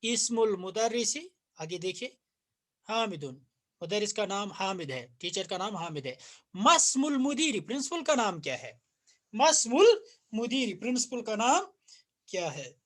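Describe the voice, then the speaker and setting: A man's voice: high-pitched, sing-song, moderate pace, fairly bright tone. A middle-aged man from India with a Kashmiri accent, a native Urdu speaker, teaching a recorded Arabic grammar lesson and patiently repeating and translating each phrase.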